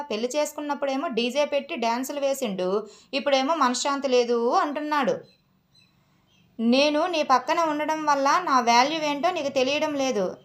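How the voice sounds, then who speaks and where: A woman acting out husband-and-wife comedy skits with quick, bickering dialogue. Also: high voice, a bit bright. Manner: bickering, quick back-and-forth comic delivery. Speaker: comedy sketch creator.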